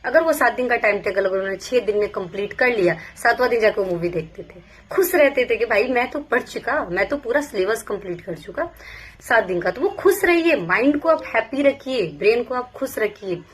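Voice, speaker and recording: A young woman from Bihar who works as a police sub-inspector gives casual, earnest study advice to exam aspirants, circling back to repeat her points and speaking in terms of "we." Her voice is a little high, expressive and fairly quick, with a faint hiss or hum in the background.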